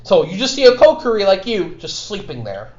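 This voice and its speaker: A game master narrating a tabletop game, loose and laughing, with a lively voice that rises and falls a lot. The sound is dull and lo-fi, and quick put-on voices break up the narration. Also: medium pitch, crowd noise.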